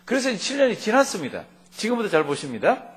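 A man delivers a sermon in a fairly high, lively voice that rises and falls through each sentence. He reads scripture aloud and keeps turning to the congregation with questions. His volume shifts often between loud and soft. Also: quick pace. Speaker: pastor.

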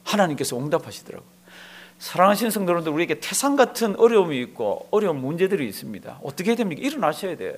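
A male pastor preaches to a live congregation in a church, his voice sitting somewhat high. His pitch swings widely as he throws rhetorical questions at the listeners. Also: sing-song, rapid-fire. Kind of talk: sermon.

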